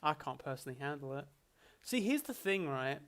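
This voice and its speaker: A man's voice: fairly high pitch, sing-song, brisk, fairly bright tone, a little hiss or hum. Joking man hosting a livestream. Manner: joking, rambling, answers chat questions. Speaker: livestream host. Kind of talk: casual livestream chat.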